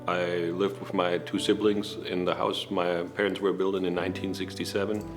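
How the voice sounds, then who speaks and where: A man in his forties with a German accent, telling his story in a documentary interview, measured and pausing with fillers. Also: low voice, level tone, music in the background. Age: 40s. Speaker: pilot and flight school owner.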